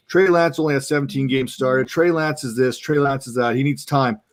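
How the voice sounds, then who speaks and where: A man co-hosting a live football show, talking casually and joking with a straight face; he has a young kid. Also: mid-range voice. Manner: joking, deadpan. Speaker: podcast co-host. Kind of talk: casual sports chat.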